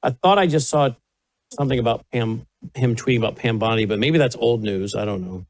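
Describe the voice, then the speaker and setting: A man hosting a talk show, halting and restarting sentences as he questions a guest. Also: mid-range voice. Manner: halting, restarts mid-sentence, addresses viewers as folks. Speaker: show host.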